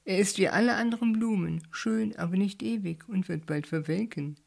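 A woman's voice: mid-range voice, moderate pace, creaky, darkish tone. Woman reading as a blunt skeptical journalist. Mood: exasperated. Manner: mocking, exasperated.

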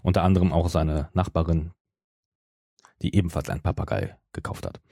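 In relaxed podcast conversation, a middle-aged male co-host keeps hesitating, correcting himself, and abandoning sentences to start again as he recounts things. His low, dark, creaky voice swings widely in pitch and moves at a brisk clip. The sound is studio quality with no echo.

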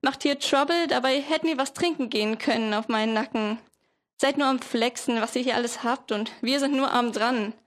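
A woman's voice: fairly high pitch, moderate pace, lightly acted. A teenage woman voicing a young male slang word who talks back in heavy youth slang, indignant. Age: teens.

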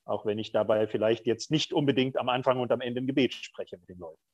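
Middle-aged guy talking through his chaplain work, thoughtful, lots of little pauses, kinda dull dry recording. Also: medium pitch, no room sound. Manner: thoughtful, candid, with frequent hesitations. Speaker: prison chaplain, podcast guest. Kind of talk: reflective conversational interview.

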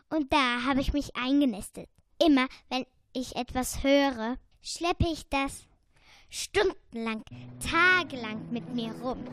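A woman's voice: high voice, a bit bright, no room sound, heavily acted. Woman playing Günter, a chatty lost earworm. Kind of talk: radio play acting.

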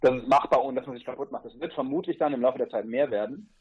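A man's voice: mid-range voice, fast, breathy edge, phone-quality sound. A man as a podcast guest, explaining his trip in a rambling way with asides and fillers. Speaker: guest, paddler on a long river trip. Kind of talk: casual podcast interview.

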